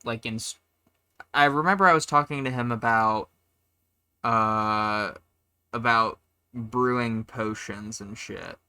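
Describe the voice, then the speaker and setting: A woman playing a tabletop game, halting and full of questions. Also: extremely low pitch, sharp tone, clear, resonant tone, no room sound. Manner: halting, asks many questions. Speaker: player. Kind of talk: casual tabletop play.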